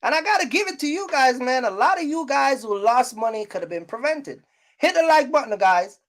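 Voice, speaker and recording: Animated and a little fast, a high-voiced woman rants casually and without a script to viewers of her trucking business advice channel. She scolds bluntly, hammering points home through repetition.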